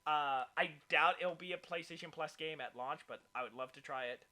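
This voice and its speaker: A man hosts a casual gaming chat, and his voice sits a little high with a bright edge. He rambles along, stacking fillers and restarts, and perks up when something grabs him. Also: brisk. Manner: rambling, filler-heavy, excitable. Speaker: podcast host.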